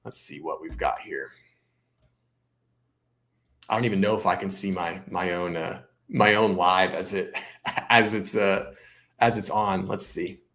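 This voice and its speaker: A man's voice: low-pitched, a little slow, long pauses, fairly bright tone. A man who works as a realtor, hosting a casual live stream. He talks in a chatty way, often restarting his sentences and adding sarcastic asides.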